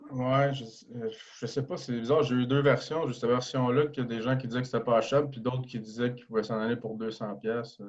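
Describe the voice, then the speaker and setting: A man in his thirties with a Québécois French accent, talking casually as a podcast guest, relaxed and hesitant with many fillers and restarts. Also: mid-range voice, fast, few pauses, highs cut off. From Quebec. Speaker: guest, professional hockey player.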